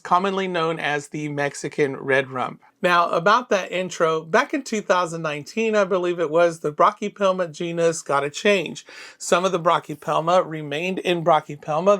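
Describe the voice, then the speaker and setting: A man's voice: fairly high pitch, fairly bright tone. Friendly man hosting a tarantula video. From Florida, USA. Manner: friendly, explanatory, loose with fillers and restarts. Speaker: tarantula channel host. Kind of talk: educational video presenting.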